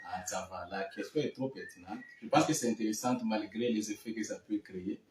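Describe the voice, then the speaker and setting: A man's voice: on the low side, fairly quick, echoey room, recorded from a distance, a crowd in the background, rough recording. A man from the Democratic Republic of the Congo, a guest musician, answering hesitantly and repeating words as he searches. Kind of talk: studio interview.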